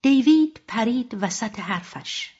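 Female audiobook narrator, measured reading, husky timbre, muffled lo-fi audio. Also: on the high side, lively intonation, a little mellow. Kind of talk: scripted narration. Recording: dull lo-fi audiobook recording.

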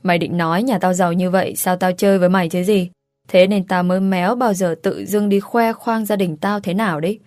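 A woman's voice: fairly low pitch, steady tone, fairly quick, darkish tone, no room sound, studio quality, soft background music, close to an everyday voice. A woman voicing a blunt, loyal young woman friend who talks brash and teasing, with crude slang.

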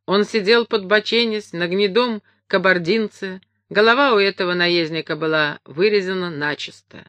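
Bright-voiced woman reading a memoir. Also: mid-range voice, no room sound. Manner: measured, expressive reading. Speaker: audiobook reader. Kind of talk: scripted narration of memoirs.

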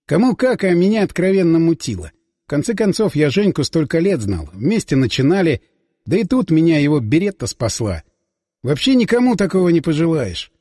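A husky male narrator telling the story in the first person, his pitch rising and falling freely. His voice sits somewhat high for a man. The recording is close and dry, with a long reverb tail behind it. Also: big pitch swings, fairly quick, warm tone. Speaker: audiobook narrator.

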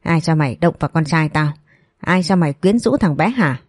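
A woman's voice: deep voice, animated, moderate pace, dry recording, studio quality. Woman voicing a furious, abusive middle-aged mother. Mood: furious scolding. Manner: screaming insults, scolding.

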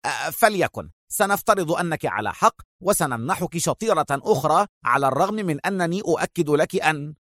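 A man's voice: medium pitch, sing-song, moderate pace, no room sound, clean studio sound, natural voice. A man voicing a shrewd restaurant owner. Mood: guarded. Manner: smooth, guarded, calculating.

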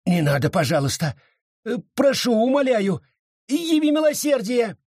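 Brief: man doing a panicked cowardly judge, pitch jumps high, frantic begging, husky edge. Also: very animated, unhurried, no echo, clean studio sound, exaggerated voice. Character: cowardly terrified male judge, pleading.

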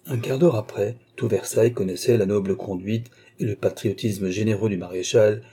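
A man narrating a classic novel as an audiobook, in an even, literary way. His voice is low and dark, with a husky texture. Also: moderate pace. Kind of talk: novel reading.

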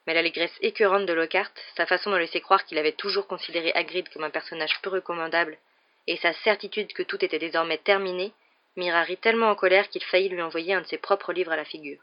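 A reader narrating a storybook chapter in an even, steady way. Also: medium pitch, fast. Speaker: audiobook reader. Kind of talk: scripted narration. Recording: dull lo-fi recording.

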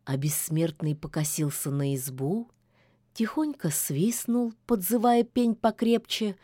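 Woman storyteller, slow and expressive, dry close sound. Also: on the low side, no echo. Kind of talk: fairy-tale audiobook narration.

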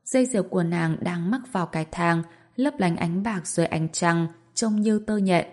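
Low-voiced woman narrating a story. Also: moderate pace, darkish tone.

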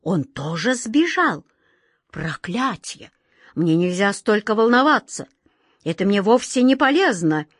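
A woman's voice: medium pitch, very animated, a little slow, slightly rough, dry recording, clean studio sound. A woman voicing a pompous, easily flustered old king who gives orders in a storybook reading. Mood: imperious. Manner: imperious, whiny, easily flustered. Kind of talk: storybook character voice.

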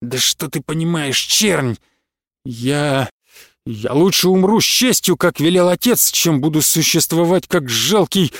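A man voicing a proud, cornered young male noble who snarls and shouts with a cracking voice. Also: on the high side, expressive, measured pace, no echo, studio quality, heavily acted. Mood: snarling.

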